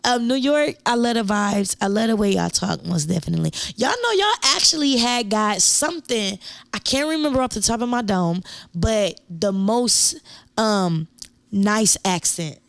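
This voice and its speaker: A woman's voice: medium pitch, lively intonation, normal speed, creaky, no echo. A young woman from Akron, a musician guest, chatting casually and rambling in laid-back slang. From Akron, Ohio. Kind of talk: casual interview chat.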